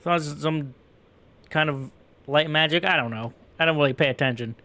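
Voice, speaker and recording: Male let's play host, casual and rambling, crisp bright voice, slightly high. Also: brisk. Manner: rambling, self-correcting, thinks aloud. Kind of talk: casual game commentary.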